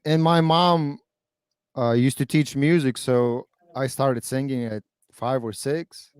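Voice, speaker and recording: Streaming in a relaxed, halting way, this Russian-speaking man from Kazakhstan (in the USSR era), aged in his thirties, keeps restarting and using fillers. His medium-pitched voice is steady, slow, a little mellow and clean, captured dry with clean studio sound.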